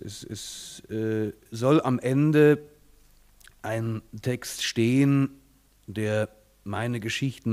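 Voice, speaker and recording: A man's voice: medium pitch, a little mellow. A young man speaking hesitantly at an award ceremony, with many fillers, at a lectern in a hotel ballroom. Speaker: author commissioned to write next year's text.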